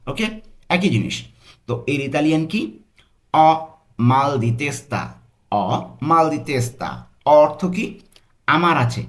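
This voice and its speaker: A man with a Bangladeshi accent teaching a language lesson, saying example phrases slowly and breaking them into parts. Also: medium pitch. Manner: slow, drawn-out pronunciation of example phrases.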